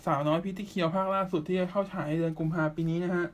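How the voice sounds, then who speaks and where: A man hosting a podcast, chatting casually through anime news and often pausing with drawn-out fillers. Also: high voice, fairly even intonation. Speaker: podcast host.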